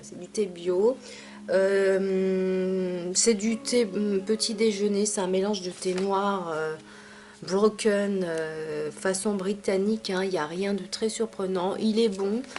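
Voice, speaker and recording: A woman's voice: mid-range voice, a little mellow. A young adult woman reviewing teas she has finished, chatty, with many fillers and asides. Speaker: tea vlogger. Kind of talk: casual product review.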